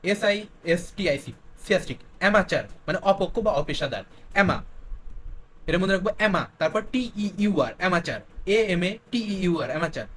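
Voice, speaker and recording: This teacher, a young man from Bangladesh, has a high, light voice and leads an exam-oriented spelling class. Spelling words out one letter at a time, he drives points home with frequent questions; his delivery is expressive, a touch fast, and fairly bright.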